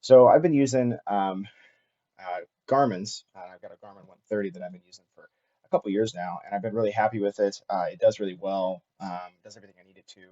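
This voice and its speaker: Male vlog host, casual and unscripted, fast with halting fillers, somewhat mellow tone, slightly lo-fi recording. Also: on the low side. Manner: halting, filler-heavy delivery with frequent restarts. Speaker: cycling channel host.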